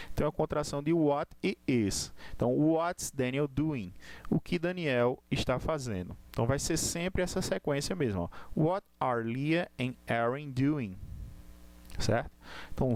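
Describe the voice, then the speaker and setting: A man leads a live English class online in an everyday middle-pitched voice. He explains patiently, starts sentences over and keeps checking in with tag questions. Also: darkish tone, dry recording. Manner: explains slowly, lots of tag questions and restarts. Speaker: English teacher.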